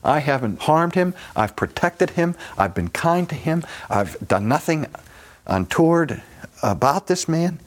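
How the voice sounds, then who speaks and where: A man's voice: fairly high pitch, big pitch swings, unhurried, voice pushed up. A fed-up, vengeful warrior leader ranting about ingratitude, as a man puts him on. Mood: indignant. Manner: indignant, venting grievances.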